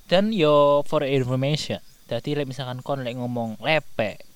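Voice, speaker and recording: A man's voice: mid-range voice, a little slow, smooth, no echo. A young man with an East Javanese accent, co-hosting a casual podcast in a teasing, mock-lecturing way. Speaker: podcast co-host.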